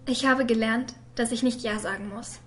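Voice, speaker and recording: A woman voicing a quiet, hurt young girl who reads a letter to her father in a soft voice that sometimes drops to a whisper. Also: fairly high pitch, fairly even intonation, moderate pace, faint music behind, natural voice. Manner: soft and subdued, at times whispered. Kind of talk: voice-over reading of a letter.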